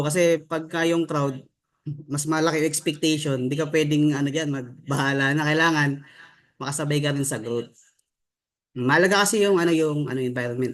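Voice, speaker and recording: A young man from the Philippines, his voice on the high side and fairly bright, hosts an informal motivational training over video call. He chats as he reads out names, often asking the group "no?" and "di ba?", in a home room with a staircase behind him.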